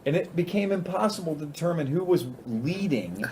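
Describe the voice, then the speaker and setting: Brief: lively man, slightly high voice, swoopy animated delivery, chatty crowd noise around, crude storyteller. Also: brisk. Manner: animated storyteller, laughs often, crude humor. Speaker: podcast host. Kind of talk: casual group chat.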